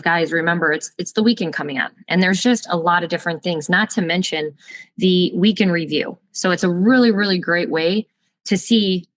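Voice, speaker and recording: A woman's voice: on the low side, no room sound. A woman who works as a fitness and nutrition coach, talking in a direct, practical coaching way. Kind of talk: casual podcast conversation.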